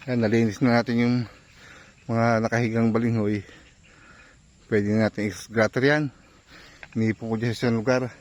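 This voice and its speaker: Out on a farm field, a man vlogs while clearing cassava plants, chatting to viewers and often asking "di ba?" ("right?"). His voice is mid-range with little pitch movement, his pace is moderate with frequent pauses, and at times he's out of breath.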